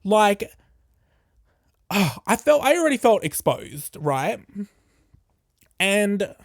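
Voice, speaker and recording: A podcast host, telling a story casually in a profane, animated and jokey way. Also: medium pitch, very slow.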